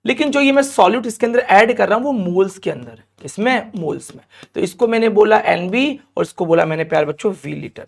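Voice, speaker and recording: High-voiced man teaching a lively lesson. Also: vocal fry. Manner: lively, coaxing, often asks students questions; stretches out key terms slowly. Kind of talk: classroom lecture to students.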